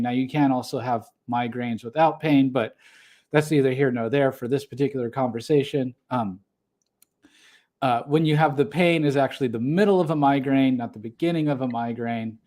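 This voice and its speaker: A man's voice: medium pitch, normal speed, darkish tone. A man co-hosting a casual livestream podcast, talking in a rambling way with many fillers and restarts. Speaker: podcast co-host.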